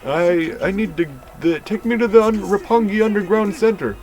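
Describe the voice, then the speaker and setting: A man's voice: high voice, darkish tone, voice pushed up, lightly acted. Man doing a frantic, confused researcher. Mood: urgent. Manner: halting, frantic, broken phrases. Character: agitated confused male researcher, middle-aged.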